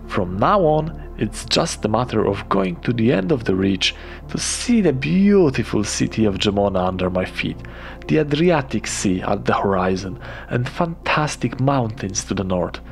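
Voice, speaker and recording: Gravelly, lively man narrating his flight. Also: lowish voice, measured pace, faint music behind. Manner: enthusiastic, casual, swears freely. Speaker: paragliding vlogger. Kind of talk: first-person flight commentary voice-over.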